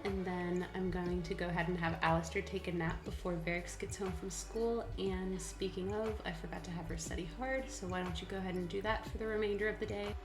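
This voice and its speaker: A woman's voice: medium pitch, reverberant. A woman giving casual, chatty let's play commentary as a gaming video creator, often talking directly to the characters. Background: background music.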